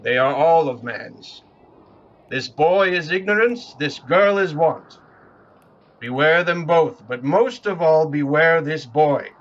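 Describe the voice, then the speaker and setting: A man's voice: a little high, takes it slowly, lo-fi sound. A man playing a mocking, grandiloquent ghost in an audio play, declaiming his insults in a theatrical way. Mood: grave, accusing. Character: scornful, theatrical male Ghost of Christmas Present.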